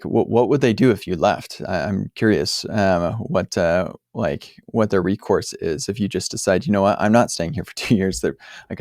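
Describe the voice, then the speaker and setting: Guy with a lowish voice answering a listener, chatty and emphatic, lots of ums, dry close sound. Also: darkish tone, no echo. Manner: conversational, many fillers and restarts, emphatic. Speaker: podcast host answering a caller. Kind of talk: casual spoken advice.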